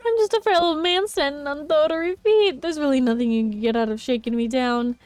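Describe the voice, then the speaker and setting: A woman's voice: high voice, brisk, darkish tone, dry recording, soft background music, close to an everyday voice. A woman voicing a very old, frail male pawnbroker who pleads and fawns in a game story. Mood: frail, pleading. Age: very old man, as played. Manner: pleading, stammering.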